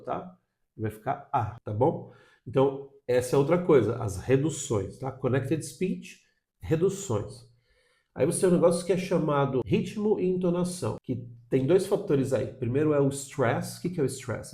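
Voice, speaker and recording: A man's voice: medium pitch, warm tone, roomy sound. A Brazilian man with a Brazilian Portuguese accent, explaining English pronunciation in a video lesson and checking in with "tá?" as he goes. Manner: explanatory, frequent "tá?" check-ins. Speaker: English teacher.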